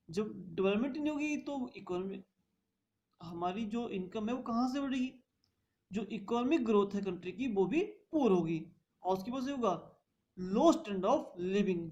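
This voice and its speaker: A woman's voice: medium pitch, darkish tone, lo-fi sound, a little hiss or hum. A woman teaching a revision lecture, reading points out in English and explaining them in Hindi.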